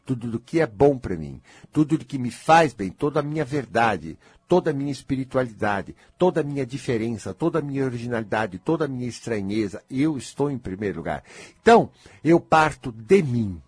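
A man with a husky voice gives a blunt, emphatic spiritual talk to an audience, often swelling to near-shouts. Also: mid-range voice, lively intonation, a little fast, no room sound.

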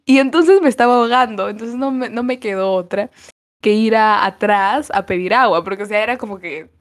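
A young woman co-hosting a casual podcast, telling stories in an animated way and laughing often. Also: mid-range voice, fairly quick. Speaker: podcast co-host.

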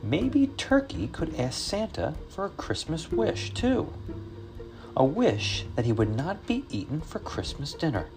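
A man reading a children's story aloud in a slow, expressive storytelling voice. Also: fairly high pitch. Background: music.

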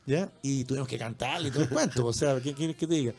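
Faint music plays behind a Chilean radio host who chats about music, peppering his talk with tag questions. He talks fast in a medium-pitched voice that is creaky, a little mellow, and slightly rough.

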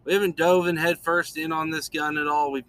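A man's voice: on the high side, flat delivery, fairly quick, a bit bright, clear, resonant tone. A man hosting a podcast in casual chat, laid-back and rambling, chuckling often. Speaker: podcast host.

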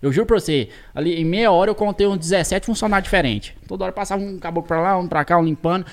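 Fast folksy man, rural Brazilian accent. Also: sits high. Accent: rural Brazilian interior (caipira). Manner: folksy storytelling. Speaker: guest, internet creator. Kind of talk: storytelling on a talk show.

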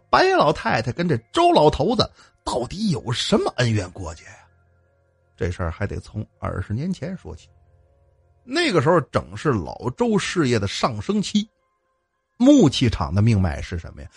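Male storyteller, husky, very lively pitch, colloquial and joking, dry close sound. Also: no echo. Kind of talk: spoken ghost story with asides.

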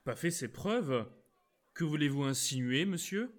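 A man's voice: on the low side, natural voice. A man voicing a proud, hot-tempered young musketeer. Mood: angry. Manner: proud, quick to anger.

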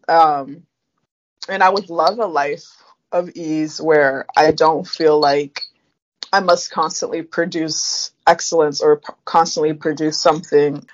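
A woman's voice: low-pitched, lo-fi sound, a little hiss or hum. A young woman from Africa co-hosting a podcast, talking through her thoughts in a reflective way with plenty of fillers. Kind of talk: casual chat.

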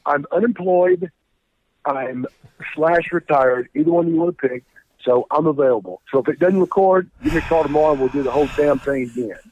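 A man's voice: fairly high pitch, a little fast, a little mellow, dry recording. Older man, old flip phone call, thin phone-line sound, dry, folksy, teasing, casual interview guest. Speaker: podcast guest, retired radio sports reporter.

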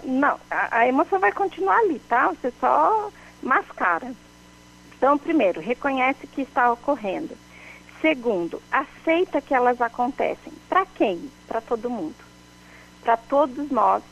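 Higher-voiced woman giving calm advice. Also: low-quality recording. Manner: measured, often addressing the host by name with "né?". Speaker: guest expert on emotions.

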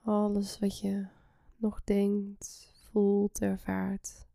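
A woman guiding a relaxation meditation in a soft, soothing, breathy half-whisper. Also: medium pitch, monotone, drawn-out words, no room sound, clean studio sound. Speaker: guided meditation host.

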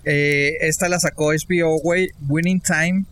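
A man with a Mexican accent, chatting casually as a podcast co-host, slangy and animated, laughing often. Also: on the high side, unhurried, a little hiss or hum. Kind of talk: casual chat.

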